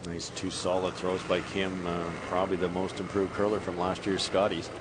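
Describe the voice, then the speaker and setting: Male curling analyst, deep monotone delivery, live commentary over arena noise. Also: moderate pace. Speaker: sports analyst. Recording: noisy arena behind broadcast commentary.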